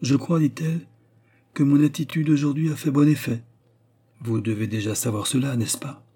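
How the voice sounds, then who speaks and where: A man's voice: mid-range voice, fairly even intonation, moderate pace, dark tone, slightly rough, pitched above the performer's own voice, close to an everyday voice. A man reading aloud as a proud scheming countess who speaks with vehemence and irony in a storybook reading. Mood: eager. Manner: vehement, ironic.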